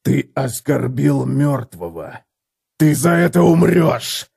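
A man voicing a furious, scornful old dwarf warrior who bellows slowly and heavily in an audiobook. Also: mid-range voice, creaky, a little mellow. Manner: bellowing, slow and heavy.

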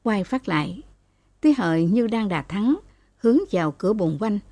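A woman reading a novel aloud in steady, expressive narration. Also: mid-range voice, moderate pace, no echo. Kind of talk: audiobook narration.

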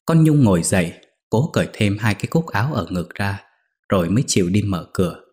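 A man narrating a scripted ghost story in a steady, even storytelling manner. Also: fairly low pitch, fairly quick.

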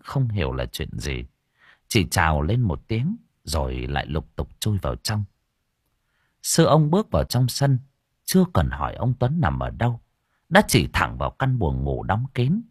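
A man's voice: sits low, moderate pace, husky, no echo. A man narrating a horror folk tale as an audiobook storyteller, close to the mic. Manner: expressive storytelling.

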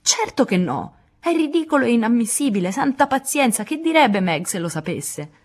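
Woman reading feisty blunt teenage girl, raised pitch over a husky low voice. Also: animated, brisk, a little mellow. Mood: indignant. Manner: blunt, impulsive. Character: spirited outspoken teenage girl.

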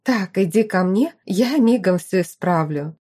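A woman voicing a tender, emotional noblewoman mother in a storybook reading, speaking softly through tears. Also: medium pitch, expressive, measured pace. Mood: tearful. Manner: tearful and soft.

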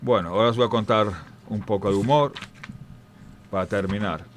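A man's voice: fairly low pitch, fairly quick, slight background noise. A man with a Spain Spanish accent telling stories and jokes in a chatty way, talking straight to his listeners. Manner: chatty, addresses listeners directly, with restarts. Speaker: storyteller. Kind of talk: informal storytelling and jokes.

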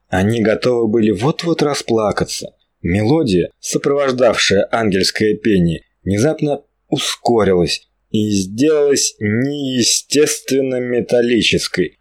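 Low-voiced man reading a storybook. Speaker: audiobook narrator. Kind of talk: scripted narration.

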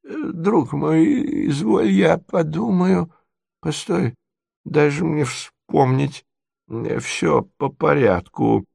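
A confused old prince, high and quavering. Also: male voice, takes it slowly, creaky, darkish tone, breathy edge, no echo, studio quality, exaggerated voice. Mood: dithering. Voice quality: stammering, quavering. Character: senile elderly prince, fussy and confused.

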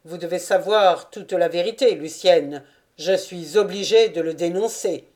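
A woman's voice: on the low side, measured pace, darkish tone, lightly acted. A woman voicing a stiff, proud male army officer in an audiobook, speaking firmly. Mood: stern. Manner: firm, stern. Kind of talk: audiobook character reading.

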